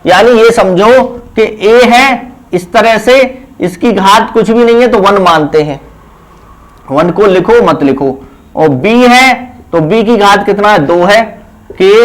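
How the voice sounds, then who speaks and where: A man teaches a chemistry exam lesson in a fairly high voice. He talks slowly and steadily, repeating terms and asking the class questions that he answers right away. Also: poor audio. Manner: slow, repetitive, asks rhetorical questions then answers them. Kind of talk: exam-prep lesson explaining at a board.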